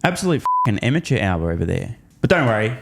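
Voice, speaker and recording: A man's voice: lowish voice, very animated, fast talker, creaky, background noise. A man giving informal reaction commentary as a host, sarcastic and scornful, swearing freely and asking mocking rhetorical questions.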